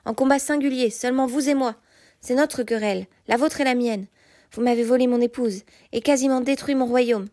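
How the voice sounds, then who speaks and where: A woman's voice: fairly high pitch, fairly quick, warm tone, dry recording, clean studio sound, close to an everyday voice. A woman reading an audiobook, voicing a proud male king who speaks with a firm, challenging tone.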